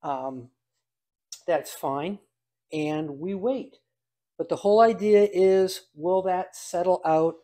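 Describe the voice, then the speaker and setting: A man's voice: high-pitched, slow pace, long pauses, mellow. An older man giving a casual hands-on demonstration, talking aloud in a folksy, dryly humorous way. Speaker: home cider maker demonstrating.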